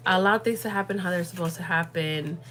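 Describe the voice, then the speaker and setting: Chatting on a casual livestream, this young host talks fairly quickly in a fairly low, fairly bright voice. She rambles, leans on fillers and drops in the odd Spanish word, and a little hiss or hum sits under the audio.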